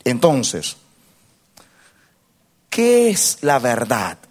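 A pastor preaching a sermon, leading the congregation in call-and-response and swinging from low murmurs to loud exhortation. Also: male voice, wildly swooping pitch, drawn-out words.

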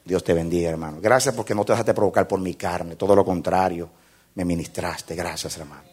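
A grateful church brother speaks in a low, hushed and apologetic way, as a preacher acts him out. His voice is a little husky and quiet, like a man who has just calmed down. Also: fairly quick. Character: calmed, grateful adult male church member.

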